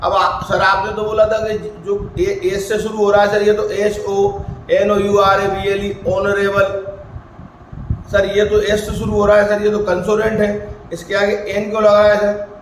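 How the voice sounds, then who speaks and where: A man teaches grammar in a coaching academy classroom, speaking in a high voice with a completely flat delivery at a measured pace. He keeps asking the class questions and answering them himself, voicing the students' doubts in his own voice. The room echoes, with faint background noise.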